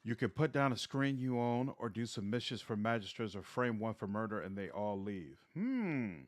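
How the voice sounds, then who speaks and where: A man's voice: on the low side, animated, moderate pace, no room sound, clean studio sound. A man streaming a video game, giving casual live commentary, thinking aloud and often trailing off.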